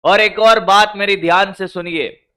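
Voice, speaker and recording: A man's voice: high-pitched, fairly even intonation, unhurried, sharp tone, clear, resonant tone. A man teaching physics exam strategy in a lecture, with a Hindi accent, scolding students in a colloquial, brotherly way.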